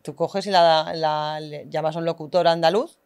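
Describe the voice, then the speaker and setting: A woman hosting a podcast interview, talking in a hesitant, searching way with many fillers, rising in pitch when she gets animated. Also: moderate pace, clear, resonant tone. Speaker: podcast host.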